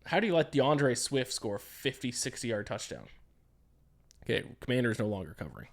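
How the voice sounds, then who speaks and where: A man's voice: mid-range voice, very animated, moderate pace. A tired young man hosting a casual solo sports betting podcast. He rambles and gets distracted, with frequent "uh" and "um" fillers. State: tired, yawning.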